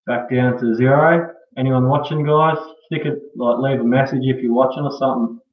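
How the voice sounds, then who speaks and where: An Australian man chats casually on a live stream, laid-back and slangy, often ending sentences with "eh" and "bro." His voice is medium in pitch, fairly even, at a normal speed. He sounds distant from the mic in a dull, echoey room.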